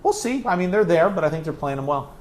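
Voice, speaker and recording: This play-by-play radio man's voice is high-pitched, animated and fast, with a little hiss or hum in the audio. As a guest, he holds forth on sports emphatically and conversationally, throwing in rhetorical questions along the way.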